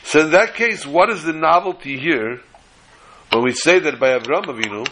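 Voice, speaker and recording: A man with gives a religious lecture as a rabbi, reading and explaining texts deliberately and repeating phrases for emphasis. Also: on the high side, lively intonation, bright, forceful tone, a little hiss or hum, poor audio. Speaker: rabbi giving a Torah lesson.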